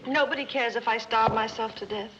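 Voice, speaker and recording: A woman acts out a pouting, lovesick young heiress in screwball comedy banter. The voice is highish and fast, over a noisy, dull film track. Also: fairly even intonation, lightly acted. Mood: petulant. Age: young adult. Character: sulky, melodramatic, lovesick rich daughter. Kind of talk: 1930s film comedy acting.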